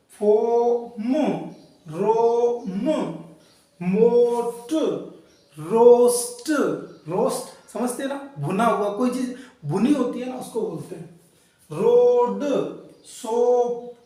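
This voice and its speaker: Slow, echoey teacher voice. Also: male voice, very high-pitched, darkish tone. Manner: slow, drawn-out example words, asks learners questions. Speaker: English pronunciation teacher. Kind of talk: classroom lesson. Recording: very echoey room, voice from far off.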